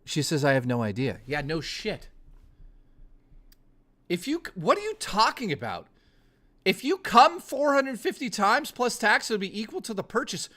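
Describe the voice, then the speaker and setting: A man's voice: high-pitched, big pitch swings, measured pace, pauses often, bright, forceful tone. A man chatting casually on a live stream, joking, swearing and answering chat messages. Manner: profane, joking, teasing.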